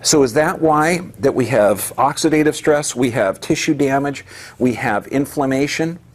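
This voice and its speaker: A man's voice: mid-range voice, moderate pace. A man giving an emphatic health lecture to a live audience, firing off rhetorical questions and answering them himself.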